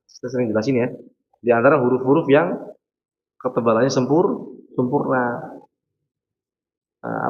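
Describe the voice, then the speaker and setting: A man teaching Quran pronunciation in a mosque class, patiently repeating letter sounds for students to copy. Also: medium pitch. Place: mosque hall. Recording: dull lo-fi recording with faint noise.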